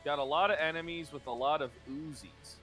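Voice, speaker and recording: In a casual in-character roleplay chat, a man plays a police officer, talking hesitantly and stammering, with lots of fillers and restarts. His voice is on the high side and fairly bright, a little fast, with soft music in the background.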